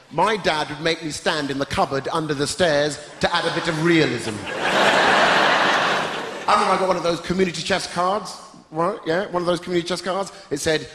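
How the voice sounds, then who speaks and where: A man hosting a stand-up comedy show on a theatre stage, playfully teasing the audience. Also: on the high side. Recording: echoey theatre with loud crowd.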